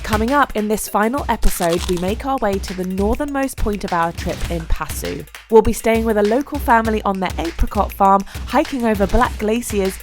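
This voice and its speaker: A woman's voice: mid-range voice, moderate pace, hardly any pauses, music in the background. A woman narrating her travel vlog in a scripted voice-over with enthusiastic delivery. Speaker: travel vlogger.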